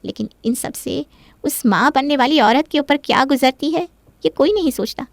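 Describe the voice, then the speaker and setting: A woman's voice: sits high, moderate pace, vocal fry, no echo. A woman voicing a loving middle-aged mother speaking heartfelt words about her daughter in a moral story. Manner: heartfelt, speech-like.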